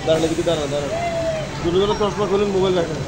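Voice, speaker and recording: A Bangladeshi man working as a ride attendant, giving brisk instructions. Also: a little high. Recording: very loud outdoor background noise.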